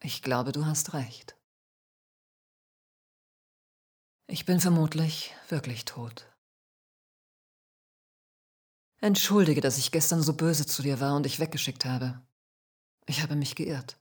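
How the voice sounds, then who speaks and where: A woman voicing the ghost of a man killed in a motorcycle crash, snappish at first and later quietly remorseful, in a spoken ghost story. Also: sits low, normal speed, breathy edge. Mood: subdued. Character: dead male biker ghost, gruff, then humbled.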